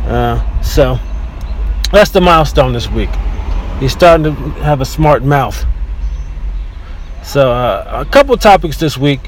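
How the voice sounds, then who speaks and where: A man hosting a casual solo podcast from inside his car, talking in an opinionated, rambling way with frequent restarts, over a low-quality recording. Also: lively intonation, a little slow, pauses often. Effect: low-quality in-car recording with faint background noise. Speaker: podcast host. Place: inside a car near a beach.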